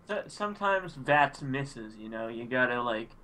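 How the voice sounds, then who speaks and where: A man's voice: mid-range voice, lively intonation, measured pace, over a noisy crowd, rough recording. A man chatting with friends over a game, tossing out rambling jokes and asides. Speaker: friend in a group game stream. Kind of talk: casual gaming chat.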